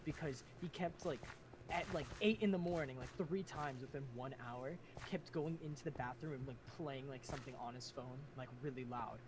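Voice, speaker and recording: A woman's voice: a bass voice, normal speed, background noise. A young adult woman streaming from home on a desk mic, chatting in a rambling, laughing way. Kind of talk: casual stream chat. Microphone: desk condenser mic.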